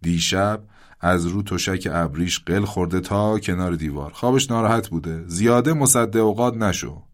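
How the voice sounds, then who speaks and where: A man's voice: low-pitched, lightly acted. A man voicing a nervous royal attendant who talks in a folksy, cautionary way. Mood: cautioning. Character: nervous middle-aged male royal attendant.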